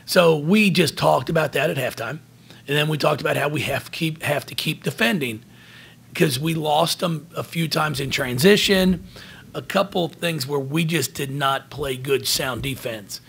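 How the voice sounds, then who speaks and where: Gravelly-voiced man at a post-game press conference. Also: on the high side, a bit bright. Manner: earnest, halting with frequent restarts and repeated words. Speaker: basketball head coach. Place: press room in front of a team backdrop. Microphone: table microphone in front of him.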